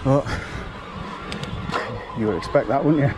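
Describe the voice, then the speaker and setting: Riding an e-bike up a forest trail, a mountain biking vlogger talks bluntly to camera while a bit out of breath. His mid-range voice keeps a measured pace against a noisy background.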